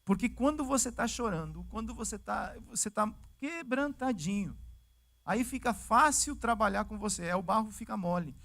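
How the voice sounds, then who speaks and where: A male pastor with a Brazilian Portuguese accent, preaching a sermon in a lively, conversational way and acting out the scripture scenes. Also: high voice, normal speed, creaky. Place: church service.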